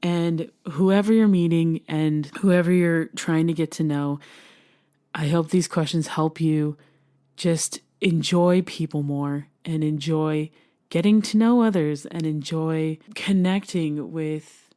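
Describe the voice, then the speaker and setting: A woman's voice: sits low, slow pace, dark tone. A young woman hosting a solo podcast, talking in an earnest, heartfelt way and laughing often. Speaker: podcast host.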